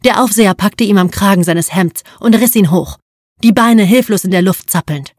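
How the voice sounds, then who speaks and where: A woman narrating an audiobook in a measured, vivid storytelling manner. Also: medium pitch, a little mellow, no echo, studio quality. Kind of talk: scripted narration.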